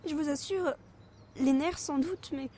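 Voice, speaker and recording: A woman playing a sulking, tearful young lover in an amateur audio drama, evasive and halting, then reproachful. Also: high-pitched, mellow. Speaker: voice actress.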